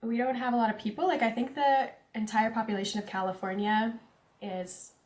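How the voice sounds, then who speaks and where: A woman's voice: a little high, fairly even intonation, brisk, a little mellow, echoey room. A young woman from Canada with a central Canadian accent, chatting casually with her viewers while playing a farming game. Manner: chatty, reads chat aloud, giggly asides. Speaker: streamer. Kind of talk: casual gameplay chat.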